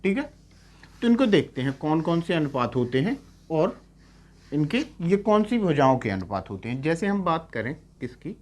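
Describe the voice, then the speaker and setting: In a slightly high, very animated voice at a moderate pace, a male teacher gives a math lecture mixing Hindi and English terms. Short questions to check comprehension come often, and each key term gets repeated.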